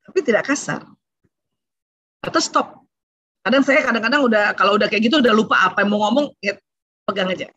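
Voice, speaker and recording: Husky-voiced woman giving a parenting talk. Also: medium pitch, rapid-fire, fairly bright tone, no echo. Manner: chatty, acts out what parents should say. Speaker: parenting seminar speaker. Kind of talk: casual seminar talk. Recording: dull lo-fi recording.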